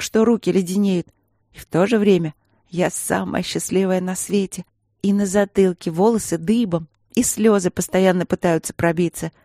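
A woman doing a nervous, excited young bride. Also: lowish voice, no echo, studio quality, close to an everyday voice.

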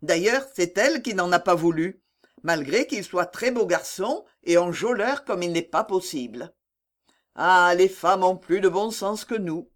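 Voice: mid-range voice, animated, unhurried, close to an everyday voice. A reader voicing a worried, kindly middle-aged male fitter in a classic audiobook novel, talking in a sighing, confiding way. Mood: troubled.

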